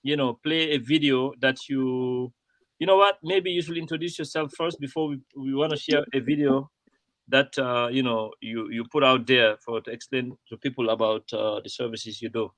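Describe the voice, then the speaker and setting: A man hosts a live-streamed show, rambling and halting as he fills gaps with fillers. His voice sits at a middle pitch and is recorded dry, with little room sound. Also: fairly even intonation, a bit bright, no echo. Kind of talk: casual live-stream hosting.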